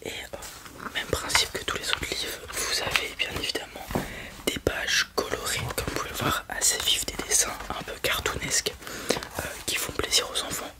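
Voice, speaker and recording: A person doing an ASMR whispered role-play as a helpful librarian, speaking in a soft, breathy library whisper. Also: normal speed. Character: helpful librarian recommending children's books to a parent.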